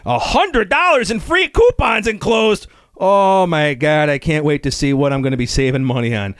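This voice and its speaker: A man doing an excitable local. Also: on the high side, normal speed, no echo, studio quality, lightly acted. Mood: gushing nostalgic. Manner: rambling, gushing, easily excited, stumbling restarts. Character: excitable rambling nostalgic local Scranton guy, middle-aged man. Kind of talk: comedic character review.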